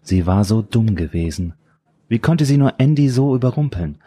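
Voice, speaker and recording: A man giving steady, measured scripted narration of an audiobook. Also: on the low side, slightly rough, no echo, studio quality.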